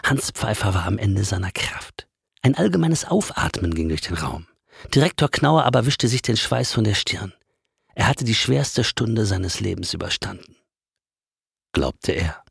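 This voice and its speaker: A man gives an expressive audiobook reading, his pitch climbing and falling freely, sometimes dropping to a hush. His voice is gravelly and husky, recorded close with a dry sound. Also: normal speed, no room sound. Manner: expressive, shifts between loud and whispered. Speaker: audiobook narrator.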